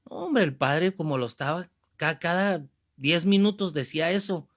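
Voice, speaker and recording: Animated preacher, fairly high voice. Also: male voice, moderate pace. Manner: animated, joking, rebuking. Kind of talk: sermon with comic storytelling.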